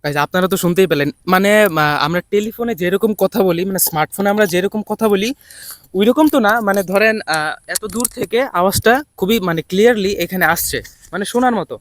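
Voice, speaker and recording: Out on open ground, a young YouTube vlogger talks quickly in a high voice, chatting casually to viewers with plenty of fillers and restarts. He's talkative and at times shouts to a teammate far off, and the recording is dry.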